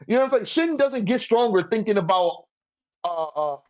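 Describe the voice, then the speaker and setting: With a high-pitched voice and lively intonation, a man speaking at normal speed pushes his opinion on a manga ranking in a casual, slangy debate. He repeatedly checks that the listener follows and agrees. There's no room sound, and the audio quality is poor.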